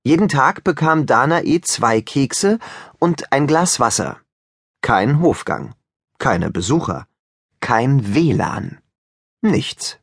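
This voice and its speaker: A man's voice: medium pitch, breathy edge, no echo, studio quality. A man narrating a children's audiobook with wry, joking asides to the listeners.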